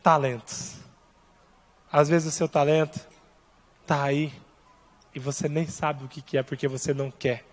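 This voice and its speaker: Brazilian pastor, male, high-pitched, acts out dialogue mid-sermon; reverberant sanctuary. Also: fairly even intonation, unhurried, pauses often. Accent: Brazilian Portuguese. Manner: storytelling, acting out dialogue, swinging between hushed and loud. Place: large church hall.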